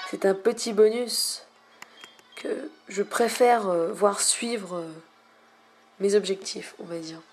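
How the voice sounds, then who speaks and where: Quietly commentating on footage of her own gameplay late at night, a young woman speaks softly, at times almost whispering. She chooses ornate, poetic phrases but hesitates often, and a slight cough has been bothering her recently.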